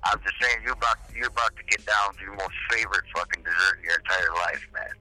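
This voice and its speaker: A man's voice comes over the phone, pitched low with a sharp, bright edge. He is a band's singer, chatting as a guest. His talk is loose and joking, and he swears freely. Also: little pitch movement, quick pace, faint music behind, low-quality recording. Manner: laid-back, joking, heavy profanity. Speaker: band singer, interview guest. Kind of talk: casual chat interview.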